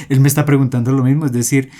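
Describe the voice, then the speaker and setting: A man giving a coding tutorial, explaining step by step in a steady voice with many fillers and restarts. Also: mid-range voice. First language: Spanish. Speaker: programming tutor. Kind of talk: screen-recorded coding tutorial.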